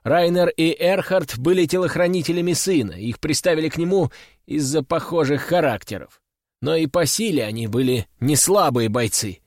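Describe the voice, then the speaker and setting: Higher-voiced male audiobook narrator. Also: expressive, moderate pace, a little mellow, no echo. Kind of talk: scripted narration. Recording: dry close studio sound, faint music.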